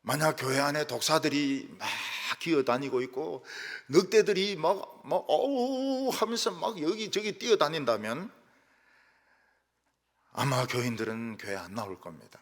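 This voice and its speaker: An older man preaching a sermon as pastor, telling stories with lively asides and mimicking how people quarrel in regional dialects. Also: medium pitch, moderate pace, vocal fry. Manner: animated storytelling, acts out quarrels in regional dialects. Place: church sanctuary. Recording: reverberant church hall.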